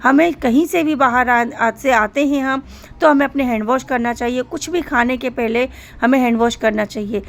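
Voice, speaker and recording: A woman's voice: high voice, moderate pace, gravelly. A woman narrating a children's story and explaining its moral in an instructive way.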